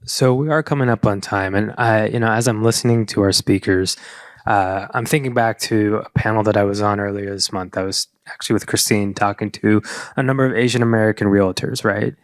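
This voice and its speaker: A man's voice: lowish voice, fairly even intonation, a little fast, dry recording, clean studio sound. A man moderating a panel discussion, giving earnest closing remarks that rally the room, with many fillers.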